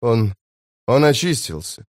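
A man voicing a desperate, furious male captain who shouts and pleads. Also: mid-range voice, big pitch swings, unhurried, no room sound, clean studio sound. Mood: tense.

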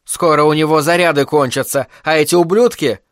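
Man voicing a brisk tough rebel woman. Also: fairly high pitch, steady tone, a bit bright, dry recording, clean studio sound, lightly acted. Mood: terse. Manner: terse, commanding.

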